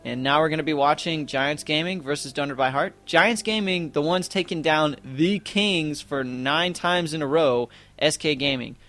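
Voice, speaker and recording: A young man casting a video game tournament live, chatty and rambling, full of fillers and quick self-corrections. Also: fairly high pitch, pushed and bright. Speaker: esports tournament caster. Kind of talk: casual live game commentary.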